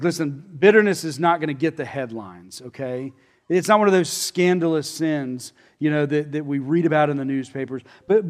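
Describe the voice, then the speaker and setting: A man's voice: fairly high pitch, a little mellow. A pastor preaching a sermon in an earnest, conversational way, often restarting his phrases.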